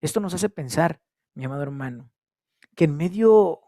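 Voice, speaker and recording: A man with a Mexican Spanish accent, preaching a sermon at a church service, repeating his phrases and swinging between loud exhortation and hushed tones. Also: fairly high pitch, lively intonation, moderate pace, no echo, studio quality. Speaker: pastor.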